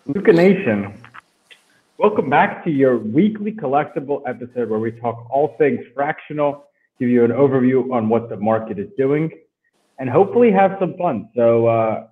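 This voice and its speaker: A man's voice: medium pitch, expressive, moderate pace. A man hosting a podcast, opening the episode with an upbeat welcome, his voice muffled as if heard through a wall. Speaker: podcast host. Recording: muffled, thin, distant mic sound.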